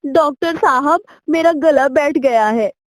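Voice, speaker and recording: A woman voicing a chatty male parrot with a sore throat who complains loudly, in a cartoon story. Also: high-pitched, a little slow, no echo, clean studio sound, pitched above the performer's own voice. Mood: complaining.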